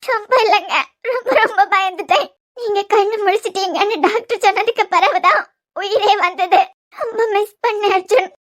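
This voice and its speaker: A woman plays a devoted young wife in a cartoon, anxious and close to tears. Her voice sits very high, soft and pleading, with a Kanyakumari accent. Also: steady tone, fairly quick. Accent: Kanyakumari Tamil. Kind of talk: cartoon voice acting.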